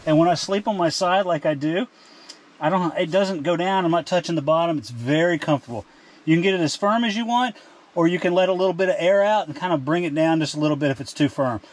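A man's voice: on the high side, quick pace. A man in his fifties hosting a casual outdoor vlog, reviewing camping gear in a plainspoken, chatty way with frequent restarts. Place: outdoors in a forest campsite and inside a rooftop tent.

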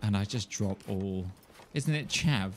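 A lowish, slightly mellow male voice, expressive and a little slow, comes through with some faint hiss or hum. He's a young southern English streamer with a mild Kentish accent and a nasal tone, rambling and self-mocking with frequent laughter as he plays a game. He's indoors at home in a gaming chair, talking into a desk mic.

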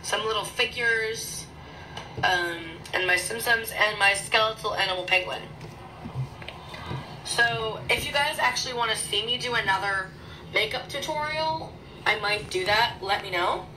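A woman chatting casually through an unboxing vlog in her small bedroom, excitable and rambling, recorded on a phone camera. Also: on the high side, unhurried, background noise. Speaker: vlogger.

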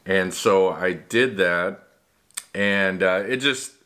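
A man's voice: low-pitched, takes it slowly, pushed and bright. A man in his forties with braces, talking casually to the camera in a rambling, matter-of-fact way, with a slight lisp from his rubber bands. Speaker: vlogger.

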